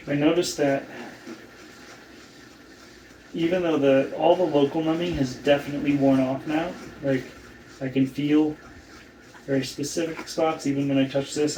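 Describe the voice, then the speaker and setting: A man talking casually in a recovery vlog, weak and sore after surgery, halting and trailing off with long pauses. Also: medium pitch, dark tone. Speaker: vlogger documenting own surgery recovery. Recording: roomy, distant mic, faint background noise.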